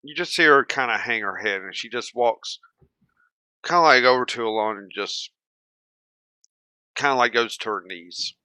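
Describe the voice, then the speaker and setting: A man narrating as game master of a tabletop role-playing game, in an unhurried, hesitant way with many fillers. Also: mid-range voice, bright, forceful tone, smooth, no room sound.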